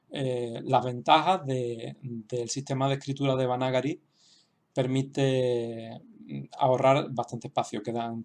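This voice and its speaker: A man explaining a writing lesson slowly, with frequent fillers and restarts. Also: mid-range voice, darkish tone. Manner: hesitant, many restarts and fillers; slow, explanatory. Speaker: language teacher. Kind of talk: online lesson.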